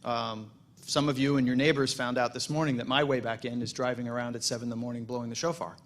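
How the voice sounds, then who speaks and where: A man, the president of a congregation, giving a relaxed welcome speech with self-deprecating jokes and frequent restarts. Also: medium pitch, quick pace. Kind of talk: welcome speech at a holiday service. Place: synagogue sanctuary.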